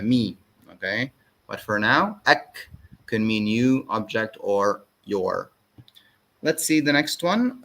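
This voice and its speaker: A man's voice: medium pitch, a bit bright. A man teaching an informal language lesson, explaining step by step, repeating words and checking in with short tags.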